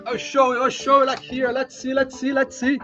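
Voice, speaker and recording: A man's voice: very high voice, completely flat delivery, a little fast, sharp tone, lo-fi sound, soft background music. A Brazilian man speaking English with a Brazilian Portuguese accent, hosting a casual live stream. He rambles and repeats himself, with many fillers. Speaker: livestream host.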